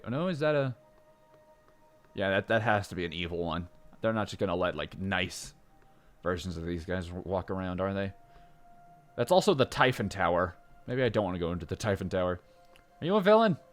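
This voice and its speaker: A man casually commenting on his gameplay in a rambling way, full of fillers and self-interruptions, jumping up in pitch when excited. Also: normal speed, pauses often, soft background music. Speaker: let's play gamer.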